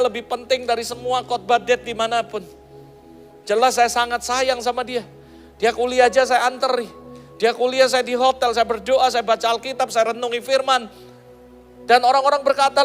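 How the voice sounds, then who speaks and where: A male pastor giving a sermon, telling a story with lively acted-out dialogue. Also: extremely high pitch, in a large hall. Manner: animated storytelling, voices the people in his story.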